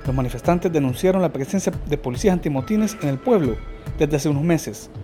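Male news reporter, scripted narration, warm tone, faint music bed. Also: on the high side, animated, brisk. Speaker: field reporter.

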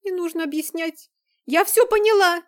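A woman's voice: sits high, normal speed, a little mellow. A woman reader voicing a frightened young woman who pleads and cries out in panic. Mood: panicked. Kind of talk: audiobook character reading.

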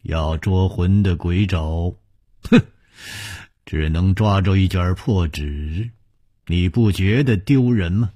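A male storyteller voicing a calm, smiling young male hero who speaks with easy, quiet amusement. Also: sits low, slow pace, slightly rough, no echo, exaggerated voice.

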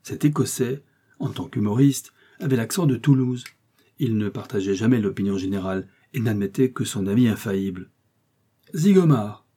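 A man narrating a classic French novel as an audiobook, measured and literary. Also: fairly low pitch, warm tone, breathy edge.

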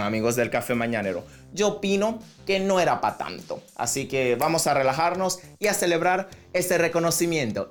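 A radio host with a mid-range, slightly bright voice presents entertainment news and sponsor reads on a morning show, with background music playing. The delivery is warm toward the audience and chatty, full of conversational asides to the co-host and listeners.

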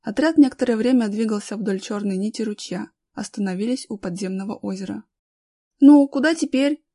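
Woman, storybook narration, even clear delivery, mid pitch. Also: fast talker, no echo, clean studio sound. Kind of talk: storybook reading aloud.

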